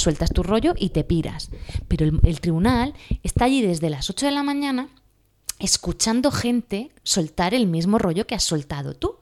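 A woman's voice: on the low side, warm tone. A woman with a Spanish accent from Spain, giving a casual spoken lesson with exam advice. She is chatty, laughs at herself and keeps asking her listeners if they follow. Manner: chatty, laughs at herself, asks "¿vale?" often.

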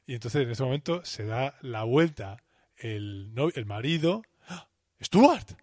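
A man from co-hosts a casual podcast, retelling scenes with lively acted-out bits. His pitch sits in the middle for a man. The sound is close and dry. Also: measured pace, no echo. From Spain. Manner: animated retelling with acted-out quotes. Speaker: podcast co-host.

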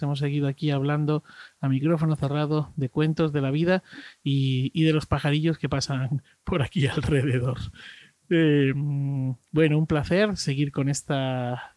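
A man hosts a podcast in a friendly, loose way, laughing easily and leaning on fillers. His voice sits a little high. The sound is dry and close. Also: darkish tone, no echo. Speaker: podcast host. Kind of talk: casual podcast hosting.

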